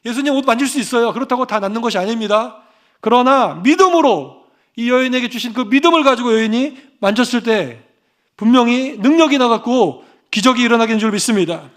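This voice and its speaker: A Korean pastor preaching a fervent, emphatic sermon that rises into proclamations. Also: male voice, very high voice, fairly quick, fairly bright tone.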